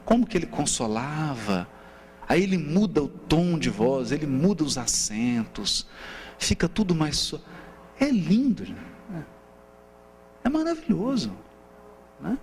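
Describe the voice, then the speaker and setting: A man's voice: on the high side, measured pace, pauses often. A man with a Brazilian Portuguese accent giving a seminar lecture, asking rhetorical questions and counting out rhythms. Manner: animated, asks rhetorical questions, often adds "né?". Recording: reverberant hall, faint hum.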